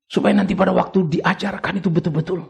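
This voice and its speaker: A man's voice: sits high, fairly even intonation, fast, gravelly. An older man preaching a sermon as pastor, conversational at times and then rising into urgent exhortation. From Indonesia.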